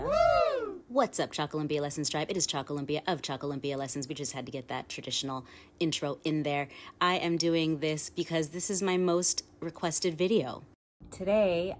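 A woman hosting a mukbang video, chatting playfully and joking between bites, sometimes dropping into soft whispery asides. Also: low-pitched, noisy background. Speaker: host. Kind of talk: casual mukbang chat while eating.

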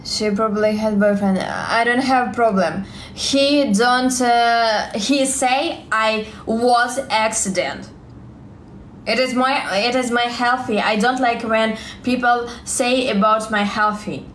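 A young woman in her twenties from Russia, with a Russian accent, chatting on a live stream in halting, simple English full of fillers and repeated words, on a phone held close in a small room. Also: fairly high pitch, fairly bright tone, echoey room, a little hiss or hum. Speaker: livestream vlogger. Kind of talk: live stream chat, reading comments.

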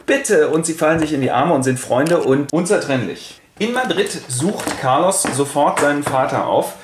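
A man casually retelling a classic play, chatty and colloquial, quickly acting out each figure. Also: fairly high pitch, animated. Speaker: host. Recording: echoey room, faint hiss.

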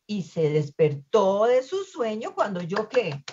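Cuentacuentos expresiva, sonido opaco. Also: female voice, mid-range voice, slow pace, highs cut off, noisy background. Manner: expressive, lively. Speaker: storyteller. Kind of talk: children's storytelling.

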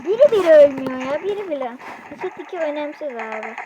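A woman playing a video game and commenting excitedly, yelling orders at her teammates in slangy speech. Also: high voice, fast, highs cut off, very noisy. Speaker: gamer streaming gameplay. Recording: loud game sounds behind voice.

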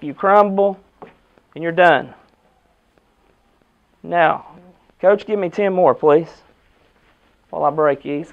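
A man's voice: fairly high pitch, muffled recording. A middle-aged American man, a basketball coach, giving a motivational locker-room pep speech in short emphatic phrases with rhetorical questions. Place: indoor team locker room. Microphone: camera a few metres away.

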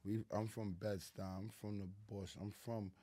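A man's voice: lowish voice, level tone, moderate pace, dark tone. A middle-aged man with a New York accent, a guest in a casual interview, talking in a laid-back street manner full of "you know what I'm saying". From New York City. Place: small studio lounge with plants, indoors. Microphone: studio mic on a boom arm.

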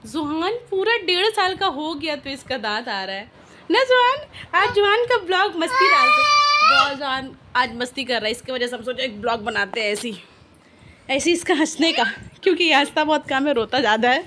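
A woman's voice: high voice, brisk, fairly bright tone, a little hiss or hum. A woman filming a home vlog, alternately coaxing and scolding her small child in a bedroom. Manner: scolding and coaxing a small child, swinging between playful and stern. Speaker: mother filming her toddler. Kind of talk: casual home vlog talking to a toddler.

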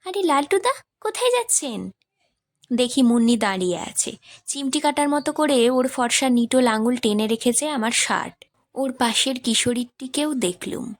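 A woman narrating a literary short story as an audiobook, in a measured, expressive reading. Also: on the high side.

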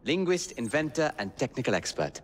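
A man plays a composed Victorian gentleman in a video game, polite and formal. His voice sits in an echoey room with clear background noise. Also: mid-range voice, sing-song, brisk, natural voice. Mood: courteous. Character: courteous, composed Victorian gentleman, a helpful friend. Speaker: voice actor in a game. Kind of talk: dramatic game cutscene acting.

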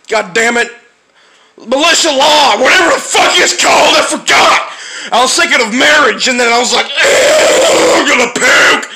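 A man playing a furious, paranoid, foul-mouthed man in a comedy skit, yelling and cursing as he rambles and loses his words. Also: extremely high pitch, gravelly, exaggerated voice.

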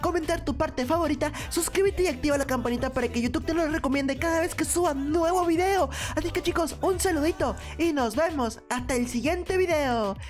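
An extremely high-pitched woman commentates a video game for viewers. She speaks in exclamations and repeats short phrases with urgency. Music plays behind her voice. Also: brisk, few pauses, darkish tone. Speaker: gaming video host. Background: background music.

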